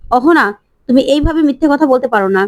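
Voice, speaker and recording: A woman voicing an angry young husband who scolds indignantly, quoted in a quick retelling of a TV serial. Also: high voice, expressive, darkish tone, no echo, lo-fi sound. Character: angry young husband defending his brother.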